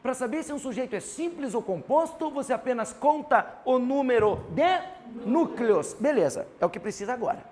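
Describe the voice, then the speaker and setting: A man with a Brazilian Portuguese accent teaching a grammar class, animated and constantly prompting his students to answer. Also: very high voice, moderate pace.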